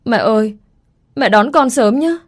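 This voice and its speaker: A woman's voice: a little high, normal speed, pitched above the performer's own voice, natural voice. A woman voicing a pleading, tearful eight-year-old girl.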